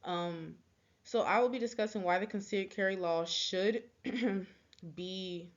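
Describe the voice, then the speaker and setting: A young woman giving a persuasive class speech, halting, with many ums, restarts and quick apologies. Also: medium pitch, lo-fi sound.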